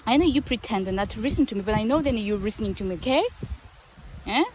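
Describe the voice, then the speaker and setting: A woman's voice: medium pitch, lively intonation, drawn-out words, darkish tone. A woman chatting with her dogs, switching between fond baby talk and mock scolding, now and then in English. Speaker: pet owner talking to her dogs. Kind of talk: casual chat with pets. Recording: noisy outdoor ambience.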